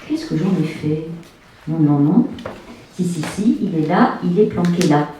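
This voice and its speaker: A woman author giving a public reading of her work, with measured delivery and playful asides. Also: fairly low pitch, expressive, warm tone, a little hiss or hum. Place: conference hall. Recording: echoey hall, distant mic.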